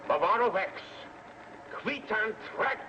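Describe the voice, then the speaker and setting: Excitable alien ruler, very high swooping voice, declamatory, vintage sci-fi serial. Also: male voice, takes it slowly, heavily acted. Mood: imperious, excited. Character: excitable alien ruler speaking an invented tongue. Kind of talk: 1950s sci-fi serial acting. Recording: noisy, dull old film soundtrack.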